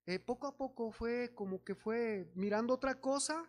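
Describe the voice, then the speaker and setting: A man with a Mexican accent preaches a sermon at normal speed, telling stories and acting out the voices of the people in them. His voice is extremely high-pitched, and he exhorts his congregation as brothers.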